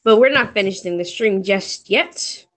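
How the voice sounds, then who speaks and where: Woman co-host, mid-pitch voice, giggly, stumbles over words, casual chat. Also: a little slow, a bit bright. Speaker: co-host of a story-reading stream.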